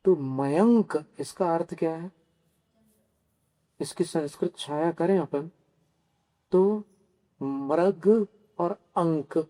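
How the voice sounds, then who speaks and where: Monk preaching, male, unhurried and mellow, questions then answers, careful over pronunciation. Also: a little high. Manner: slow, teaching, poses questions to listeners and answers them. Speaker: Jain monk giving a scripture discourse. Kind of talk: sermon. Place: Kolhapur.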